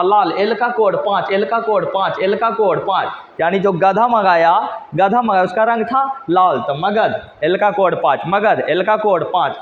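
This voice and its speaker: Male teacher, high voice, repeats questions and answers, echoey hall, dull lo-fi sound. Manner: repetitive call-and-response drilling, answering own questions. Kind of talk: mnemonic geography lesson.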